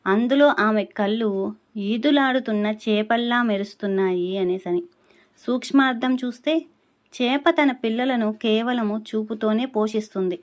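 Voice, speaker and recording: A woman teaching how to pronounce a devotional chant, explaining patiently and drawing out each syllable slowly when she demonstrates it. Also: a little high. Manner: slow, carefully drawn-out syllables when demonstrating. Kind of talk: spoken lesson on pronouncing a chant.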